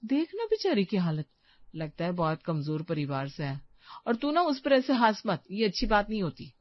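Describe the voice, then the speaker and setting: A woman's voice: mid-range voice, very animated, moderate pace, no echo, natural voice. A young married woman, kind but a little bossy, chattering through household chores in a cartoon story, as voiced by a woman. The recording is dry and somewhat dull and lo-fi, with no room sound.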